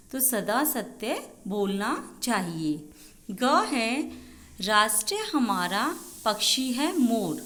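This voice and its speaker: A woman's voice: on the high side, a bit bright. A woman school teacher giving a recorded lesson to young children, speaking patiently, spelling out words and repeating answers. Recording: echoey room, faint background noise.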